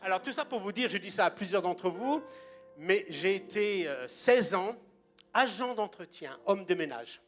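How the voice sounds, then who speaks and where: A man's voice: high-pitched, lively intonation, moderate pace, a bit bright, faint music behind. A man in his sixties, a pastor preaching a sermon in a church and telling humorous anecdotes with punchlines.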